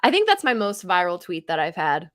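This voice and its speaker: A woman's voice: on the low side, huge pitch swings, brisk, a bit bright, no room sound. Casting: woman podcast co-host, dry close sound, mocks comments she reads out, casual chat. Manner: reads hostile tweets aloud in mocking voices.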